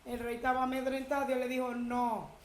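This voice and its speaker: A woman's voice: high-pitched, monotone, rapid-fire, echoey room, rough recording. A woman preaching a testimony in a sermon, telling her story with emphatic quoted speech.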